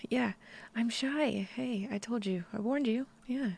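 Young woman, close-mic whisper, husky, gravelly edges, shy halting delivery. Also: a little high. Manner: soft, breathy whispering with shy giggles and halting restarts. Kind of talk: intimate whispered audio roleplay. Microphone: close microphone.

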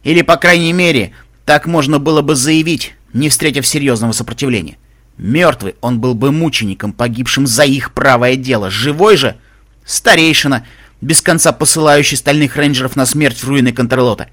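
A man voicing a stern, armored male pony warrior who reasons gravely and deliberately in a storybook reading. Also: mid-range voice, fairly bright tone, no echo, studio quality, lightly acted. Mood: grim.

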